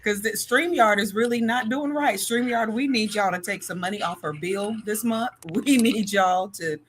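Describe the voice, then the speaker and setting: A woman's voice: medium pitch, moderate pace, slight background noise. A woman joining a livestream interview as the guest over a remote call, joking and exclaiming freely.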